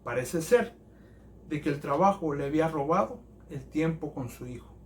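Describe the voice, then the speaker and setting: A male pastor giving a sermon in a church, speaking earnestly and in a measured way with hesitant fillers. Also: fairly high pitch, lively intonation, slight background noise.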